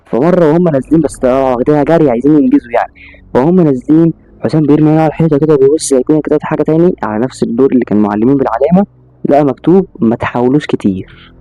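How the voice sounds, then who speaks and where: A man with an Egyptian accent telling a horror story in a casual, animated way. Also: a little high, dry recording, lo-fi sound. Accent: Egyptian Arabic. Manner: rapid, animated retelling.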